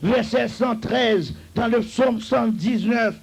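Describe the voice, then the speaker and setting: A man's voice: very high voice, takes it slowly, gravelly. A man with a Haitian accent preaching a sermon as an evangelist, chanting repeated blessings and having the congregation repeat Bible verses after him. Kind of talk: sermon with call-and-response. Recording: dull lo-fi recording.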